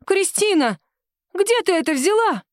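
Женщина озвучивает ворчливую деревенскую мать средних лет, которая насмешливо и сердито жалуется. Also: female voice, very high voice, sing-song, a little slow, dry recording, clean studio sound, pitched above the performer's own voice, heavily acted. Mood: строго. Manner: complaining, scornful. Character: grumbling middle-aged village woman, mother.

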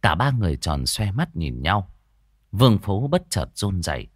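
A man with a low voice narrates a ghost story, measured but expressive. His pitch moves a great deal between lines. The recording is dry and close to the mic. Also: husky, dry recording.

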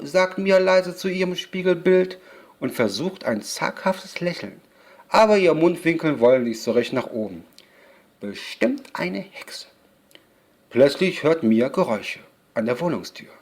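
Gravelly, unhurried man reading aloud. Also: a little high, a little mellow. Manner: unpolished, restarts and laughs at his own slips. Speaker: podcast host reading a children's story. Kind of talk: storybook read-aloud.

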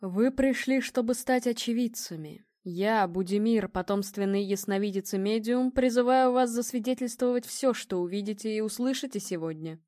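A woman's voice: a little high, moderate pace, hardly any pauses, warm tone, no room sound, clean studio sound, natural voice. A woman voicing a confident, imposing male medium who speaks weightily and commandingly, in a storybook reading.

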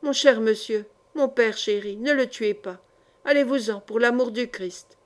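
A woman's voice: on the high side, unhurried, natural voice. A woman reading the part of a frightened old peasant mother who coaxes her son and begs a visitor to leave. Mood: pleading. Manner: beseeching, coaxing.

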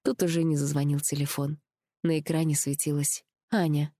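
A woman narrating an audiobook with an even, measured reading. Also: deep voice, no echo, clean studio sound.

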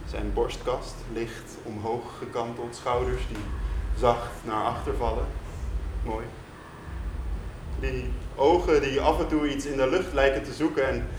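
Slow, intense man performing a live monologue. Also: mid-range voice, noisy background. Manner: intense, rhythmic, with dramatic pauses. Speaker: performer reading a literary monologue. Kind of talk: live first-person prose performance. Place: stage in a music venue. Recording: echoey live room from a distance.

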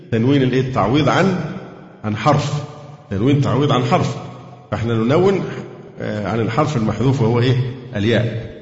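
A man with an Egyptian Arabic accent teaching a Quran lesson, quizzing students on grammar and reciting verses slowly. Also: medium pitch. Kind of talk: classroom tafsir lesson with grammar questions. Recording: echoey hall, dull lo-fi sound.

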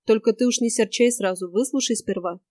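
A woman voicing a calm, stubborn young knight. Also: a little high, no echo, natural voice. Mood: calm earnest. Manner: calm, measured, folksy old-style speech. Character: steady, stubborn young male knight-hero.

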